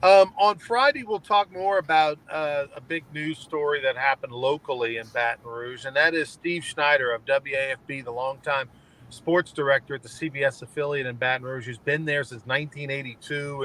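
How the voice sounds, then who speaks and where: Bright-voiced man chatting about sports. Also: medium pitch, steady tone, normal speed, rough recording. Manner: conversational, rambling with frequent restarts. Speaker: sports talk show co-host. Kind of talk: casual sports chat.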